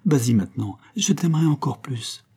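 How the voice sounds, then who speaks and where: A man voicing a moody, imperious young count, lovesick and emotional, with a husky voice. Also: on the high side, lively intonation, moderate pace, dark tone, pitched above the performer's own voice. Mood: coaxing.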